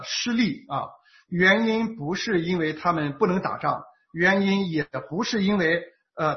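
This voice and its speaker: A man giving a Bible teaching sermon, speaking unhurriedly with many fillers and drawn-out particles. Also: fairly high pitch. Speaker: preacher. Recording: muffled lo-fi recording.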